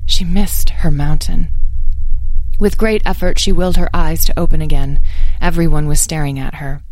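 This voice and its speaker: A woman narrating a children's story in a calm, measured way. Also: low-pitched, no echo, studio quality.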